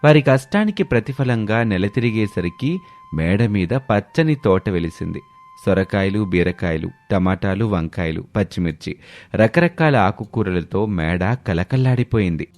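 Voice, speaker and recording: A man narrating an animated family story in a steady, even storytelling manner. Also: fairly low pitch, normal speed.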